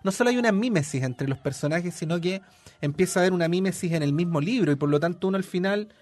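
High-voiced man analyzing a novel. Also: fast talker, a little mellow. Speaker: book club discussant. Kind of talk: casual literary discussion.

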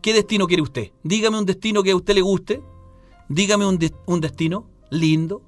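A man's voice: high-pitched, moderate pace, soft background music. A man with a Chilean Spanish accent hosting a casual radio chat, playful and given to repeating his phrases. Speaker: radio host.

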